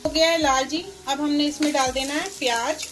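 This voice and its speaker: Speaking at normal speed with fairly even intonation, this high-voiced woman casually explains a cooking recipe step by step at home for her vlog. Music can be heard behind her.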